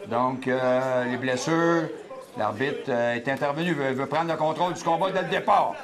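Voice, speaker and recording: A man's voice: medium pitch, moderate pace. A man with a Quebec French accent giving live boxing analysis, explaining tactics in short bursts. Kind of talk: live sports commentary. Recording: clear crowd noise behind. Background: boxing crowd.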